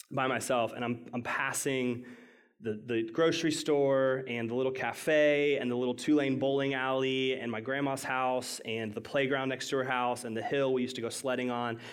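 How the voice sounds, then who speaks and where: A young adult man preaching a sermon to a congregation, conversational, dropping to quiet reflective moments and rising to emphatic, higher-pitched questions. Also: clear, resonant tone. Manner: conversational, swings between soft reflective lows and raised emphatic highs. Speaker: pastor. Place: church hall with congregation.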